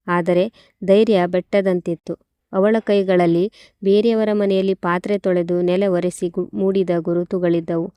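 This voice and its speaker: A woman tells a moral story in a steady, measured reading voice. Her tone is smooth and clear, at a mid pitch. The recording is close and dry, with no room sound. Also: no echo. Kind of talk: scripted story narration.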